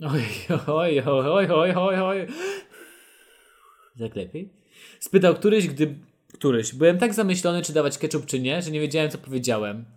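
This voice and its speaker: Guy hosting a podcast, a bit high-pitched, reads a fan story in a jokey dramatic way. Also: expressive, normal speed. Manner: laughing, mock-dramatic reading of quotes. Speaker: podcast host. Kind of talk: reading a fan story aloud with a co-host.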